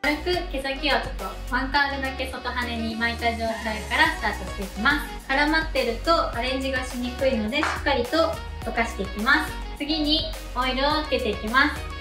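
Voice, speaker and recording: A woman with a high voice guides a hairstyle step by step in an unhurried, gentle way. She sounds distant from the mic in an echoey room. Music plays clearly behind her. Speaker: hair tutorial narrator. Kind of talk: calm step-by-step voice-over instruction.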